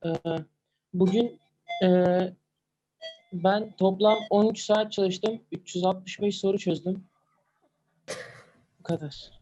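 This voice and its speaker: A young man, a student on a video call, speaking in a hesitant, halting way. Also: sits high, steady tone, warm tone, dull audio. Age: young adult.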